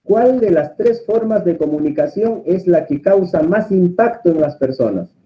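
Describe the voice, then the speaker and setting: Man, course instructor, class lecture, asks students questions, slightly high voice, muffled sound. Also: moderate pace. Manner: questions the students often, in a calm teaching tone. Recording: muffled, lo-fi audio.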